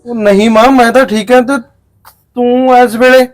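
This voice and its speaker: A man's voice: very high-pitched, steady tone, moderate pace, soft background music. An actor playing a young adult son, speaking earnestly and with tearful regret to his mother. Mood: surprised. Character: remorseful grown son.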